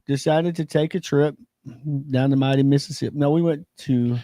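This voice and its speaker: A man with a slightly high, dark-toned voice talks at a normal speed with no echo. He co-hosts a casual local wrestling and sports show and tells a rambling story full of fillers, chuckling at himself. A lingering cold keeps making him lose his voice.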